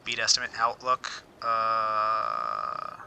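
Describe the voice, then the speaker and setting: Bright-voiced man thinking aloud. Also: lowish voice, very animated, very slow, vocal fry, a little hiss or hum, low-quality recording. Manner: thinking aloud, reading out figures and musing on them; wry, self-interrupting, repeats words as he reads. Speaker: streamer. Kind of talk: casual livestream commentary.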